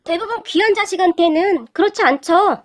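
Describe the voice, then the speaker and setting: A woman's voice: extremely high pitch, moderate pace, no room sound, voice pushed up. A woman voicing a stubborn young daughter who talks back with sarcastic, cutting remarks.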